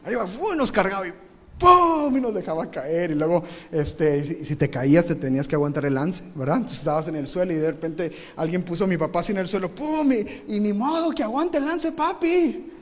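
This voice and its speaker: Animated preacher in an echoing church. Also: male voice, high voice, fast. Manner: animated, acts out scenes with shouted sound effects. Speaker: pastor. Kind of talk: sermon with comic storytelling. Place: large church, live service. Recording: reverberant live church hall.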